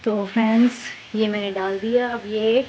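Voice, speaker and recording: A woman's voice: medium pitch, steady tone, moderate pace, lo-fi sound. A young woman chatting casually to her viewers while cooking in her home kitchen. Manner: chatty, addresses viewers as friends. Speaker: vlogger. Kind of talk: casual home vlog chat. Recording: noisy home recording.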